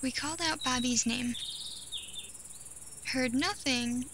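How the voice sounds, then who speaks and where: Clear nature sounds of birds and insects accompany a woman as she recounts a first-person horror story. Her voice is fairly high, and she delivers it deliberately and at a measured pace, with pauses for effect.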